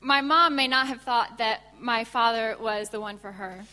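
A young American woman from Indiana giving a sermon as a guest speaker, speaking in short phrases with pauses for an interpreter. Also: a little high, sharp tone, big-room sound. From Indiana, USA.

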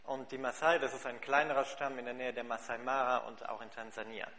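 Brisk and sharp-toned, a German man speaks at medium pitch in a level tone to a church congregation. He heads a charity, interprets for a guest, then tells a story in a chatty way with many fillers.

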